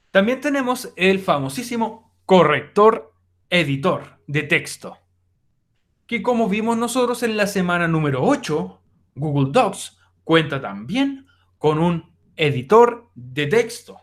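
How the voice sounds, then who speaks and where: A man's voice: high voice, a bit bright. A young man explaining a lesson on a screen recording, talking informally to his students with many fillers. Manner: informal, addresses students directly, frequent fillers. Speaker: teacher. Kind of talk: recorded online class explanation.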